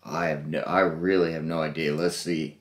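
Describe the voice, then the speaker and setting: A man hosting a reaction video, guessing aloud with lots of laughs and unsure pauses. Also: very deep voice, level tone, roomy sound. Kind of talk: casual reaction commentary.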